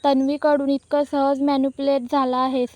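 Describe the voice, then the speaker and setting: A woman's voice: sits high, little pitch movement, normal speed, dark tone, no echo, close to an everyday voice. A woman voicing a stern young husband who defends his wife, speaking bluntly in a serial recap.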